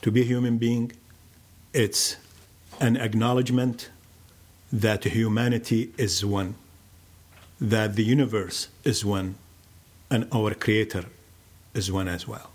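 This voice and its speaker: An older man from Iraq, telling his life story in a slow, measured, reflective way with many pauses. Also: on the low side, fairly even intonation, husky. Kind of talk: personal storytelling.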